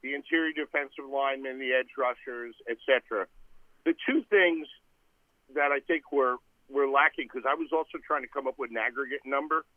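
A man's voice: mid-range voice, brisk, no room sound. A man calling in to a radio show over a clipped phone line, rambling and thinking aloud as he talks. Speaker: caller to a sports radio show. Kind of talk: casual call-in chat.

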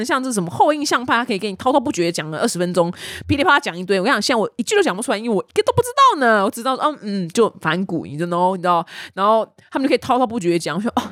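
Young woman host, chatty and animated, fast and bouncy, close dry sound. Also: medium pitch, no room sound. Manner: chatty, animated storytelling with voiced quotes. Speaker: news podcast host. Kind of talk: casual news chat.

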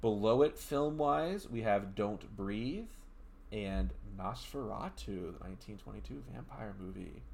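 A man's voice: lowish voice, measured pace, vocal fry, warm tone, a little hiss or hum. A man hosting a podcast, talking casually and steering the conversation. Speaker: podcast host.

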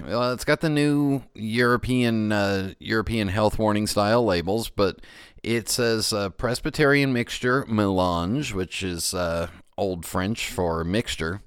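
A middle-aged American man with a fairly low, smooth voice hosts a casual podcast. He rambles easily and drops in dry, joking asides. The sound is close and dry. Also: no room sound. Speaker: podcast host. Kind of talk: casual radio-show talk.

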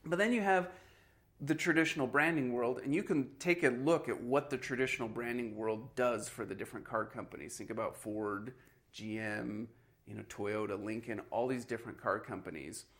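A man's voice: medium pitch, normal speed, a bit bright. A man in a casual podcast chat about marketing, talking loosely and filling gaps with "you know" and "like". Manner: conversational, heavy on "you know" and "like".

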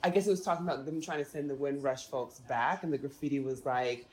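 A woman's voice: very deep voice, fairly even intonation, fast. A woman from the United States chatting with curiosity in a busy museum exhibit. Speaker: podcast host interviewing a stranger. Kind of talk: casual chat. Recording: echoey hall with loud crowd.

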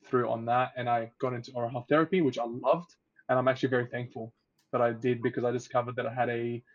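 A man in his twenties, an oral health therapist from Egypt, talking casually as a podcast guest with a relaxed, chatty manner and easy laughter. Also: medium pitch. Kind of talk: casual interview. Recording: dull lo-fi audio.

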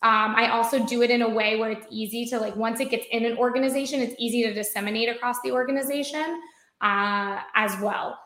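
In a conversational interview, this American marketing guest describes her work fairly quickly and chattily, full of "um," "like," and restarted sentences. Her pitch is a touch high, and the room lends the audio a clear echo.

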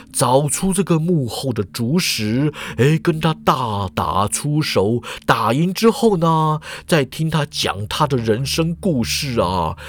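A man voicing a grave older male professor who speaks slowly and quietly. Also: exaggerated voice. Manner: low, slow, subdued.

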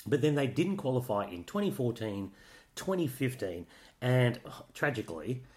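Lively-pitched Australian man, dryly wry. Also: normal speed. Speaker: co-host of a Eurovision show. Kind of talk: casual chat.

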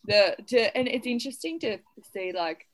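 A woman's voice: on the high side, expressive, normal speed, rough recording. A woman, an easygoing guest talking about horses she has ridden, who laughs often. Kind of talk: casual chat.

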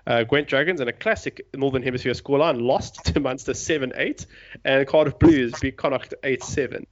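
A man's voice: mid-range voice, fairly quick. Laid-back male podcast host, muffled sound. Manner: laid-back, reads results with asides and chuckles. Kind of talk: casual chat.

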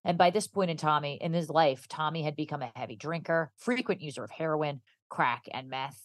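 A woman's voice: low voice, brisk, no echo, clean studio sound. A woman co-hosting a true-crime podcast, moving between conversational commentary and storytelling read from notes.

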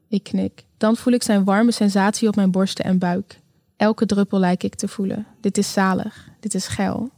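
Mellow-voiced woman reading an erotic story. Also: mid-range voice, creaky, dry recording, studio quality. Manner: slow, sensual, intimate delivery.

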